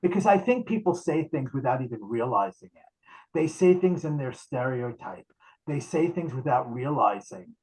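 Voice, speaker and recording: A man's voice: mid-range voice, sing-song, moderate pace, a little mellow, rough recording. A man speaking as a nurse educator in a conversational talk on a video call. He tells stories with frequent restarts and acts out dialogue.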